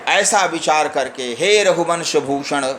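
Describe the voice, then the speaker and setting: Male scripture expounder, slightly high voice, very unhurried delivery, echoey room with faint background hum. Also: a bit bright. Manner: recites verses then explains them line by line. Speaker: religious discourse speaker. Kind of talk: scripture discourse.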